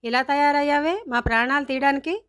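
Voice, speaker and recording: A woman reading a storybook, voicing a sharp-tongued middle-aged mother who scolds loudly and sarcastically. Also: high-pitched, fairly quick. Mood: scolding.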